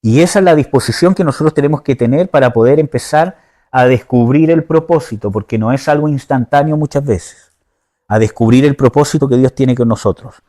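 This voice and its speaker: Mellow-voiced man preaching conversationally. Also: mid-range voice, fairly quick. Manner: informal, checks in with listeners often, searches for words aloud. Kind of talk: conversational teaching sermon.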